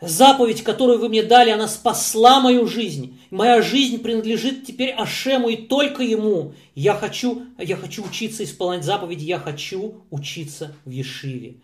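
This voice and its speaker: Guy doing a young soldier, thankful and earnest, keeps repeating himself, high voice. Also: lively intonation, moderate pace, few pauses. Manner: earnest, emphatic, repeats phrases. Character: young male soldier, grateful and newly devout. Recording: echoey room.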